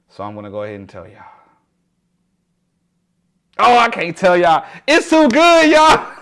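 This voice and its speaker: Chatty young man on a livestream. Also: medium pitch. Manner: chatty, laughs often, talks to chat by name; drops to a hushed voice to share a secret. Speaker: livestream host. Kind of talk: casual livestream chat.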